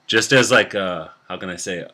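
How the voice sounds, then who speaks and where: A man hosts a podcast from his kitchen, talking in a relaxed, chatty way. His voice sits low but has a bright edge. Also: normal speed. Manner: relaxed, chatty, laughs easily. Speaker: podcast host. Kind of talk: casual interview chat.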